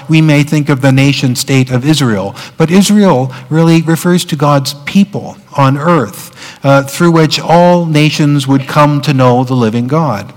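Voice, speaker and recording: A man preaching to his congregation in a church, his somewhat high voice carried by a long hall reverb. He talks in a loose, conversational way, full of fillers and self-corrections. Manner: conversational, with filler words and restarts. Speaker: pastor. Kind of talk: sermon.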